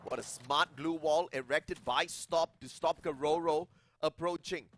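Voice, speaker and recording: A man calling live esports play-by-play as an excitable commentator. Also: fairly high pitch, unhurried. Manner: excitable, bursting into yells at big plays.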